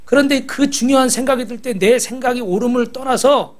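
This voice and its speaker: A man's voice: extremely high pitch, a little fast. A pastor preaching a sermon. He exhorts the congregation, asks them rhetorical questions and has them repeat after him.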